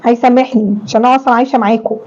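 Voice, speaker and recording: A woman's voice: a little high, fairly even intonation, very fast, darkish tone, muffled recording, lightly acted. An Egyptian woman playing a rude, defiant young daughter-in-law who answers with blunt, dismissive retorts in a homemade family sketch. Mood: defiant, scornful. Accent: Egyptian Arabic.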